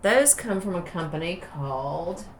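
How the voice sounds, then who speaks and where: A woman's voice: fairly low pitch, expressive, unhurried, a little hiss or hum. A woman with an Appalachian hillbilly accent, chatting casually and playfully in a rambling, folksy way as she hosts a craft vlog. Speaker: soap maker and channel host.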